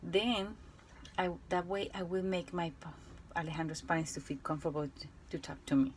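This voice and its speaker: A woman teacher with a Colombian Spanish accent and a low-pitched voice reads out a prepared report about a student. She speaks carefully and haltingly, restarting phrases and filling pauses. A faint hum of room ambience sits behind her. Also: level tone, poor audio. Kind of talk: reading a prepared case report.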